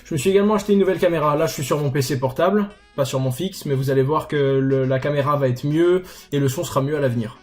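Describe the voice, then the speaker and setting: A man's voice: a little high, fast, few pauses, darkish tone, soft background music. A young man hosting a casual screen tutorial, chatty and self-mocking, with crude slang. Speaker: YouTuber tutorial host.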